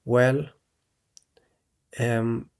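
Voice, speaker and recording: Man, vlog monologue, halting, lots of restarts, slow drawl, gravelly fry. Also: medium pitch, steady tone. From Sweden. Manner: halting, many restarts, keeps adding "okay?". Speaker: vlogger. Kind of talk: rambling monologue to camera.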